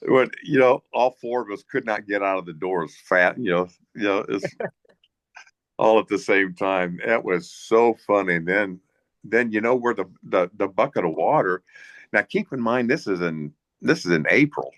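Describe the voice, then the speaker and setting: Guest storyteller: a low-voiced man, dry close sound, halting, full of restarts. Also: a bit bright, no room sound. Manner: rambling, halting delivery with frequent restarts and chuckles. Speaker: guest, hunting guide and bush pilot. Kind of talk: casual anecdotal storytelling in a Q&A.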